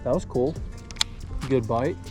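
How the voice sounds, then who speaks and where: An excitable man, steady in the middle of the pitch range, chatting his way through a day of fishing from a boat out on the water. He talks straight to the fish in loose, slangy casual commentary, with music running clearly underneath. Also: takes it slowly. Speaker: fishing vlogger. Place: on a boat outdoors.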